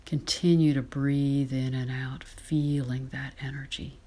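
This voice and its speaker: A woman leading a guided meditation in a soft, breathy whisper, slow and soothing. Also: very deep voice, level tone.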